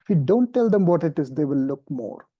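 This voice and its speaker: A man teaching an informal spoken lesson, relaxed and self-deprecating, often restarting his sentences. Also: on the high side, brisk, no echo, lo-fi sound. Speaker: meditation teacher.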